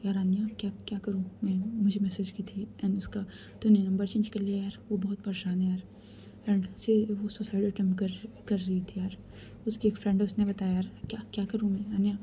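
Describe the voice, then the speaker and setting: Woman whispering as a frantic young friend, stammering, flustered, dark mellow tone, whispered role-play. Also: mid-range voice, level tone, fairly quick, a little hiss or hum, lightly acted. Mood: panicked.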